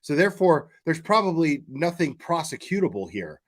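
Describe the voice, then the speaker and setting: His voice is on the high side with a sing-song lilt and a moderate pace as he hosts a casual true-crime stream. Blunt and profane, he pushes his opinions hard, repeating himself while he figures out what he means.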